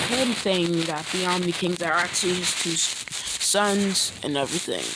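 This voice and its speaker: A woman's voice: fairly low pitch, background noise. A woman casually telling an improvised fan story, rambling, hesitant and correcting herself often.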